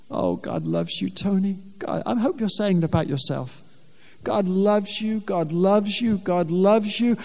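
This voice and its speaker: Brief: male preacher, high voice, emphatic, repeats words for weight, long hall echo. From England. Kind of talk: sermon. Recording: long reverb of a large hall.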